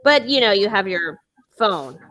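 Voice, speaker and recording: Bright chatty woman co-hosting a podcast. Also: medium pitch, big pitch swings, a little slow. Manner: chatty, many fillers and restarts. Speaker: podcast co-host. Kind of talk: casual chat.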